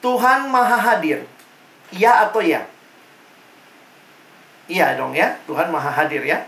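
Woman preacher, low-set voice, emphatic sermon delivery, echoing room, mic at a distance. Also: slow, a bit bright. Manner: emphatic, rhetorical questions to congregation. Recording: roomy echo, distant mic.

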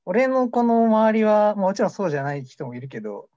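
A man's voice: high-pitched, very animated, brisk, mellow, no room sound. A young man co-hosting a casual mock radio show, rambling and joking at himself. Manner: rambling, jokey, self-deprecating. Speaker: amateur radio show co-host. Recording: dull lo-fi dry recording.

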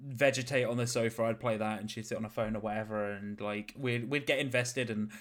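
A man's voice: on the low side, steady tone, a little fast, a bit bright. A young man guesting on a podcast, chatting casually in a meandering way and laughing easily. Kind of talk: casual chat.

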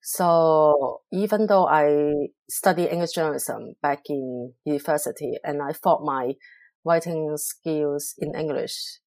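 Answering interview questions, a middle-aged public relations professional from Hong Kong speaks thoughtfully and deliberately, pausing often and using fillers. Her voice is low-pitched and slightly mellow, with no room sound.

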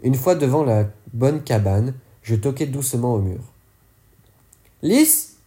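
A man's voice: mid-range voice, normal speed, warm tone. A man reading an audiobook narration steadily, now and then correcting a slip. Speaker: audiobook reader.

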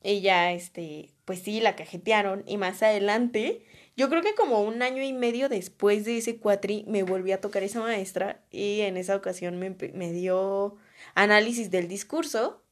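A woman's voice: mid-range voice, moderate pace. A young woman with a Mexican accent, telling a story about her college days in a chatty way, full of slang and fillers. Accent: Mexican Spanish. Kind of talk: casual storytime.

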